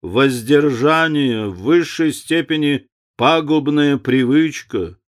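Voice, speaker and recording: A man voicing a witty, cynical aristocratic gentleman who drawls out epigrams. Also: fairly high pitch, slow pace, pitched above the performer's own voice. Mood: wry.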